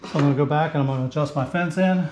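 A middle-aged man with a slightly high voice races through casual how-to narration for his woodworking channel, explaining each move plainly as he makes it. His camera mic records him in an echoey home garage shop with a little faint noise.

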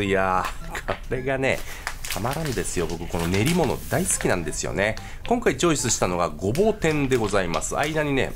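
A man with a Kansai accent narrating his travel vlog in a jokey way, mixing formal phrasing with dialect. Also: on the low side. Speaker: travel vlogger.

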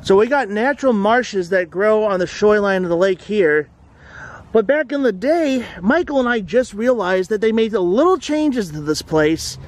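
A man's voice: high voice, lively intonation, moderate pace. A man hosting a casual travel vlog, narrating a walk around a lakeside forest preserve with chatty, tour-guide commentary. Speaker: vlog host.

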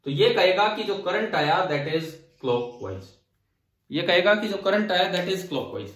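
High-voiced male teacher in an echoey room. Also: expressive, slow, a bit bright, far from the mic. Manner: asks the class questions and answers them himself; repeats key phrases to drive points home. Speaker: physics teacher. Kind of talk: classroom physics lecture.

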